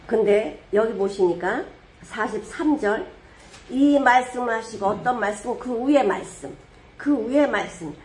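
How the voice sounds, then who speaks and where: A woman pastor preaching a sermon with lively storytelling, asking rhetorical questions and suddenly booming out dramatic quotations. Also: measured pace.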